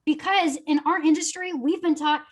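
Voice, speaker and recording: A woman's voice: sits high, fairly even intonation, normal speed. A young adult woman, a guest social media coach, giving upbeat, chatty webinar advice with lots of fillers.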